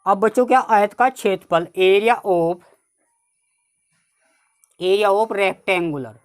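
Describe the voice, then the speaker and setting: A woman with a North Indian accent teaching a maths lesson step by step, often addressing her students as children. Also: medium pitch. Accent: Hindi-speaking North Indian. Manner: keeps addressing the class as "children", repeats steps slowly.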